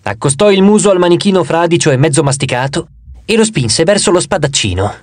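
A man narrating an audiobook in the first person, with expressive, dramatic storytelling. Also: a little high, a little fast.

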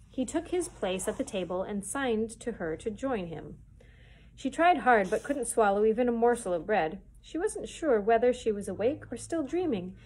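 Library lady reading a kids' chapter book out loud, clear and expressive. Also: fairly high pitch. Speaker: children's librarian.

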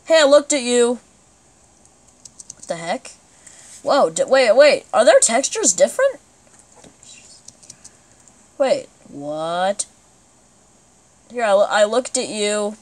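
A woman giving let's play commentary as she plays, excitable and breaking into sudden exclamations. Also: fairly high pitch, slow, pauses often. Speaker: gamer.

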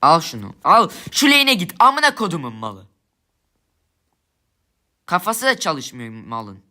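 A man's voice: on the high side, very animated, a little slow, sharp tone. A young man giving angry gameplay commentary, swearing and ranting at his teammates in frustration. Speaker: gamer streamer.

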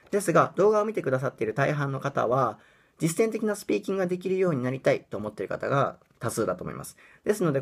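A young man from Japan giving a casual pronunciation lesson, chatty and self-deprecating, breaking into bits of song. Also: mid-range voice. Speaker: English pronunciation teacher.

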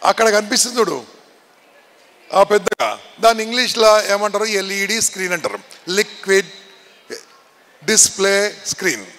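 High-voiced man with a Telangana accent quizzing a crowd. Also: normal speed, long pauses. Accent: Telangana Telugu. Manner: quizzes the crowd, repeats questions, shouts. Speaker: motivational speaker. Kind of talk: motivational speech to students. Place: large hall with an audience. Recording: echoey hall, faint background noise.

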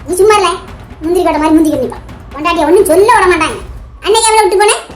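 A woman's voice: very high voice, racing. A woman voicing an affectionate, teasing old grandmother in a cartoon, with a Tamil Nadu accent. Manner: teasing, then tearfully apologetic. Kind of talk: cartoon voice acting.

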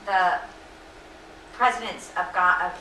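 A middle-aged woman answering audience questions at a lecture, earnest and full of fillers and self-corrections, her voice slightly hoarse. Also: on the low side, takes it slowly, bright, forceful tone, slight background noise. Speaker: invited lecture speaker. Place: lecture hall. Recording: echoey room, distant mic.

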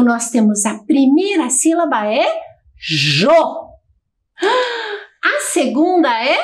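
Brazilian woman teacher for a kids' TV lesson, high and lively, slow and encouraging. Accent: Brazilian Portuguese. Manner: slow, sing-song, encouraging and explaining. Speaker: primary school teacher. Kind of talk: televised children's lesson.

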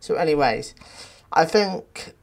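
A man's voice: a little high, animated, slow, gravelly. A British man with a slight lisp, rambling casually as a YouTube reaction host. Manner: rambling, repeats "pretty much".

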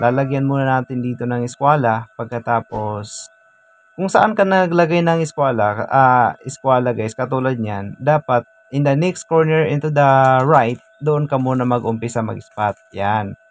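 A man casually explaining a welding job outdoors, chatty and full of fillers. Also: medium pitch. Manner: chatty, repeats "guys" and fillers while working. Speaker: DIY welding vlogger.

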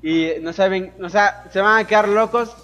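A high-pitched young man from Ecuador doing a casual question-and-answer voice-over. He jokes loudly and crudely and swears a lot. Faint music plays behind him. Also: moderate pace. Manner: boisterous, crude joking with lots of swearing. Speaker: YouTuber answering viewer questions.

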